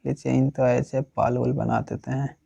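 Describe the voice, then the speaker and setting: A teacher giving a grammar lesson, explaining slowly and checking in with the class after almost every phrase. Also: mid-range voice, flat delivery, gravelly, mellow, breathy edge, lo-fi sound. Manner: slow, repetitive, checks with "ठीक है ना?" often.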